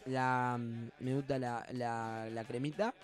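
A man's voice: medium pitch, fairly even intonation, takes it slowly, faint music behind. A man hosting a podcast, bantering and teasing his co-host in mock outrage. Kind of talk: casual joking chat. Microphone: studio podcast microphone.

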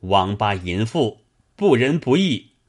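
A man's voice: medium pitch, expressive, unhurried. A man voicing a lovestruck, hot-tempered young male scholar who speaks in an anguished, demanding way. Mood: distraught.

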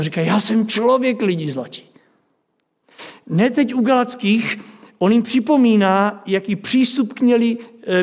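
A man preaching at a Bible study, reading scripture aloud with rising emphasis and putting questions to his listeners. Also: high-pitched. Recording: long hall reverb.

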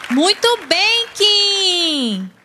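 A woman playing an eager, excitable young schoolgirl in a children's educational audio drama. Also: extremely high pitch, extremely slow, over loud music, a loud crowd, full character voice. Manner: excited, eager, sing-song.

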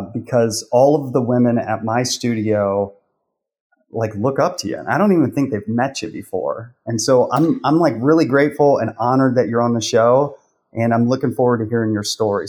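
A man hosting a conversational podcast in an informal, halting way, repeating words as he goes. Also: mid-range voice, darkish tone. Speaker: podcast host.

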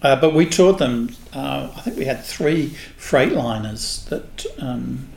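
A man in his sixties from England, a guest in an interview, telling unhurried stories about his past. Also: mid-range voice, gravelly, darkish tone. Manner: unhurried, anecdotal storyteller. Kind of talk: reminiscing in a casual interview. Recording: echoey room with faint noise.

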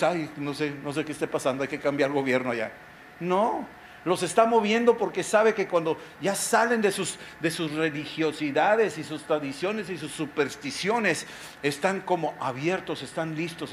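Middle-aged preacher, slightly high voice, emphatic sermon full of rhetorical questions, faint background noise. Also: male voice. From Mexico. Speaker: pastor.

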